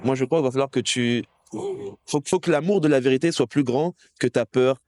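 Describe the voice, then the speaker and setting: A man's voice: medium pitch, wildly swooping pitch, moderate pace, darkish tone, dry recording. A young man in casual conversation, earnestly sharing his faith with someone, often asking "you see?" as he explains. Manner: earnest, persuasive, fillers "tu vois". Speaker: street evangelist.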